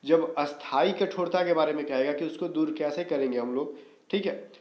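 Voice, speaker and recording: A man's voice: fairly high pitch, moderate pace, darkish tone, roomy sound. A man teaching an exam-prep lesson in a casual coaching manner, often checking in with his students. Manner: casual coaching, frequent "theek hai" check-ins.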